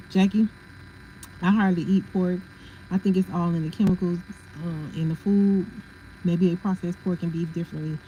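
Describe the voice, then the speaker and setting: Woman host, mellow easygoing chat with viewers, dull lo-fi stream with faint hum in the background. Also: fairly low pitch, fairly even intonation, normal speed. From family from South Carolina. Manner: chatty, laughs often, answers viewer comments. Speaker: livestream host. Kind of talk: casual livestream chat.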